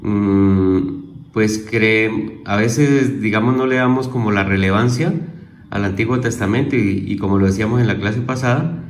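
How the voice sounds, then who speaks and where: A man talks through a theology lesson at an unhurried pace, often pausing to correct himself and repeating each term so it sinks in. His voice sits on the lower side and carries a noticeable room echo. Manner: halting, self-correcting, explains and repeats terms. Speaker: theology student presenting homework; teacher. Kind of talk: informal spoken lesson.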